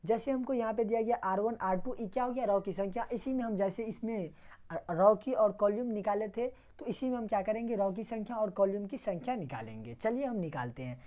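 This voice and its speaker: Woman teacher, soft warm voice, keeps asking and answering her own questions. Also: mid-range voice, brisk, dull audio. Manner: repeats questions and answers them herself, step by step. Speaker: math teacher. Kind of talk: classroom lecture.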